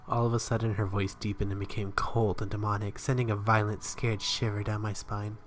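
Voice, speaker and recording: A man's voice: fairly low pitch, flat delivery, moderate pace, a little hiss or hum. Man reading a visual novel aloud. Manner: reads narration aloud, breaks off for joking asides and laughs. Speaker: let's player.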